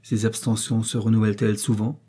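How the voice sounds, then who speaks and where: A man's voice: on the low side, flat delivery, fairly quick, dark tone, breathy edge. A man voicing a haughty, wounded prince in a novel reading, speaking in a cold, commanding, sarcastic way. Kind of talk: audiobook character reading.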